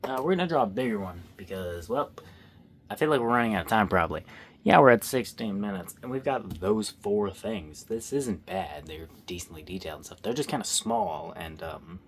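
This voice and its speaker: A man's voice: on the low side, lively intonation, normal speed, husky. A young man giving casual, rambling commentary while he draws, joking and poking fun at himself. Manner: rambling, self-mocking and goofy. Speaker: art vlogger.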